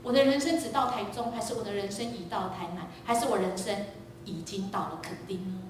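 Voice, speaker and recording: A woman preacher giving a sermon, telling a lively story and quizzing the congregation. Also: mid-range voice, fairly quick, slight background noise. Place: church sanctuary. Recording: echoey church hall, distant mic.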